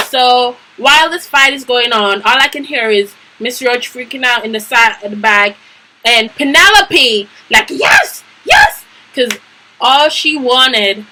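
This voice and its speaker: Bright, animated young woman telling a story. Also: fairly high pitch, a little hiss or hum, rough recording. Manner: animated, emphatic, slangy storytelling. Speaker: vlogger. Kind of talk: storytime vlog.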